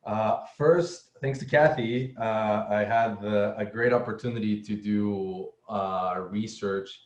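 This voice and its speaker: A young Salvadoran man who works as a software engineer speaks as a guest on a casual panel, his lowish voice steady in tone. He often stumbles, repeating words and filling pauses. The sound is roomy and muffled.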